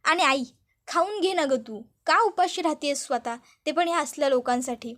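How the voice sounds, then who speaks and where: A woman voicing a stubborn young man who begs his mother to calm down and eat, in a soap recap. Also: high voice, normal speed. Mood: pleading, insistent. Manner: coaxing, pleading, repeats please.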